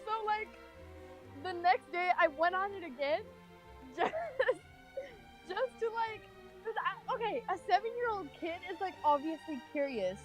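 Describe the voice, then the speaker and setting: Faint music plays behind this young American woman from California as she rambles through a personal story, using "like" constantly. Her voice sits very high, sounds animated, and moves at a slightly slow pace.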